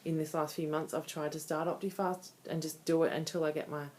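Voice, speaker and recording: A woman's voice: sits low, level tone, brisk, a little mellow. A woman in her thirties talking candidly and conversationally in a casual personal video diary. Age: 30s. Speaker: vlogger.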